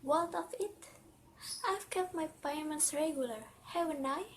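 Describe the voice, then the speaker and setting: A woman's voice: high-pitched, a little slow, slight background noise. A woman playing an anxious, defensive wife with a secret debt, in an earnest, theatrical dramatic reading. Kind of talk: amateur dramatic reading of a stage play.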